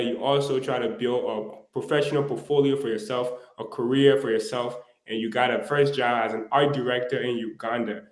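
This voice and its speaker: A male talk show host leads an interview with an upbeat, encouraging manner. His voice sits at an ordinary pitch, and an echo from the room follows it.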